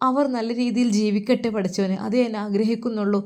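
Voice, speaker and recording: A woman's voice: mid-range voice, fairly even intonation, fast talker, a little mellow, lightly acted. Woman voicing a guilt-torn young man praying. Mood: anguished. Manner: anguished, half-whispered prayer.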